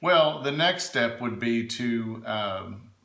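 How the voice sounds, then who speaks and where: A man's voice: mid-range voice, lively intonation, slow pace, creaky, bright, forceful tone. A man giving informal, explanatory advice in an interview, speaking emphatically and often checking that he is understood. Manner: emphatic, checks in with "right?" and "okay?". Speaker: legal adviser being interviewed. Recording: echoey room.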